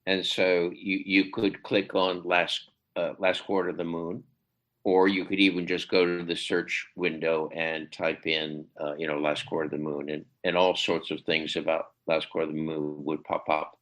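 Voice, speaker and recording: In a conversational podcast interview, a male literary translator speaks at normal speed in a slightly bright voice with little pitch movement, except that it rises sharply when he emphasizes something. He hesitates often, with many fillers and restarts.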